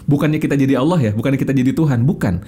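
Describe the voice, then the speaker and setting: A man, a guest explaining communication in a casual chat, animated and fond of acting out examples. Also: medium pitch, very fast, husky.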